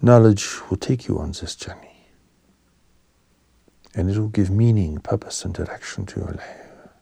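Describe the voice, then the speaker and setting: A man giving a spiritual sermon as a teacher, calm, gentle and solemn, in measured short phrases, his soft voice turning breathy at phrase ends. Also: on the low side, no echo, whispered.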